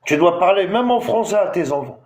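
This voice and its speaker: An Algerian man hosting a TikTok live rants at someone in a high-pitched, animated, brisk voice with a darkish tone. He is confrontational and repetitive, full of hesitations throughout the heated tirade. The audio is reverberant.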